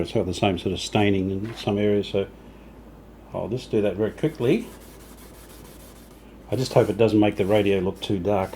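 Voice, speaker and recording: The host of a hobby radio restoration channel has a fairly low, soft-edged, mellow voice and narrates his workshop job casually while doing it. Understated and a bit tentative, he thinks aloud as noticeable rubbing and sanding sounds continue in the background.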